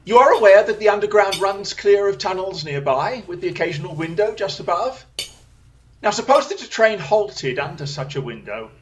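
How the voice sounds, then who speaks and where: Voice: medium pitch, sing-song, normal speed, a little hiss or hum, lightly acted. A performer in an audio drama playing Sherlock Holmes as a keen, assured male detective with formal, precise, theatrical delivery. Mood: brisk, genial.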